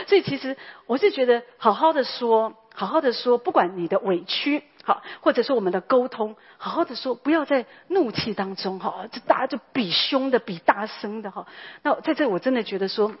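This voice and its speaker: A woman's voice: a little high, very animated, moderate pace, husky, muffled recording. A woman, a pastor's wife preaching a sermon in a chatty way, full of tag particles and fillers.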